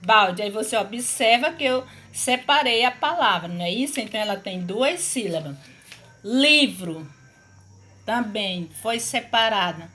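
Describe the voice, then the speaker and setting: A woman's voice: a little high, expressive, fairly bright tone. A woman teacher giving a recorded lesson to young pupils, explaining patiently and often checking that they follow. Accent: Brazilian Portuguese. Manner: slow, patient explaining with frequent "não é isso?" checks. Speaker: primary school teacher.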